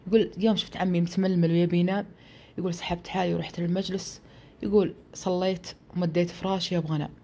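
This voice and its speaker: A woman's voice: lowish voice, little pitch movement, racing, warm tone. A woman retelling a horror story, constantly repeating that he says it. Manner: breathless, repetitive retelling that keeps repeating "he says".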